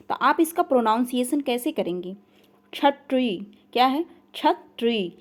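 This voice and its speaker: A woman's voice: high-pitched, darkish tone. A woman teaching an online grammar lesson, asking the learners questions and then answering them herself, over and over. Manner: repeats questions and makes the learner answer back. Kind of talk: online class lecture.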